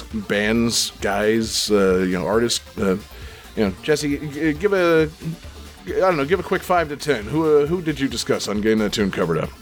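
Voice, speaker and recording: Laid-back joking male podcast host. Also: on the low side. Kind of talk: casual chat.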